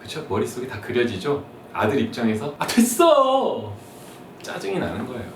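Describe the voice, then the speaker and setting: A man's voice: medium pitch, expressive, quick pace, a little hiss or hum. A young man giving a comic monologue for mothers, playfully acting out whiny sons and nagging moms. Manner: playful, mimics whiny son and nagging mom in sudden jumps. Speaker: comedic explainer for mothers. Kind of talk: comic monologue with acted-out scenes. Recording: roomy, slightly distant mic with faint ambience.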